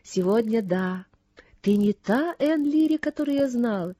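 A woman voicing a hushed, puzzled young man. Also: a little high, animated, unhurried, no room sound. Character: young man, worried gentle suitor.

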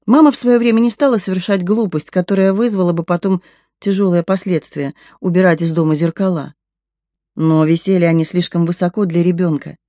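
An audiobook narrator reading a first-person story in a measured, expressive way. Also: medium pitch, no room sound, clean studio sound.

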